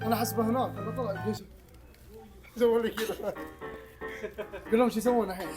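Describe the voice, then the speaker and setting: A man's voice: high-pitched, steady tone, fast, over music. A young man, hosting a casual vlog outdoors, joking and laughing often as he talks to viewers. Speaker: vlogger host.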